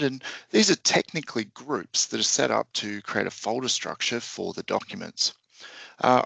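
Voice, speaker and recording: A man hosting a software webinar in a friendly, upbeat, scripted way. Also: on the low side, creaky, no echo. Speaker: webinar host.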